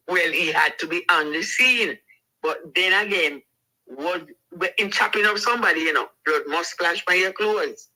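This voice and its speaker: Bright-voiced Jamaican man explaining. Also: sits high, unhurried, poor audio. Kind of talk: casual talk-show discussion.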